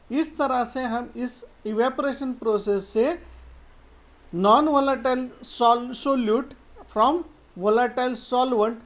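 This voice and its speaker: A woman with a Marathi-influenced Hindi accent, teaching a science lesson, explaining step by step and mixing in English terms. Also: a little high. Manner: explanatory, mixes English terms, frequent "okay" fillers. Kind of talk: classroom lecture explaining slides.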